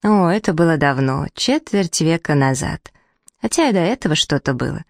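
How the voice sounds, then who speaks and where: Low-voiced woman reading a story. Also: animated, moderate pace, vocal fry, dry recording, studio quality. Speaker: reader. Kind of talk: audiobook storytelling.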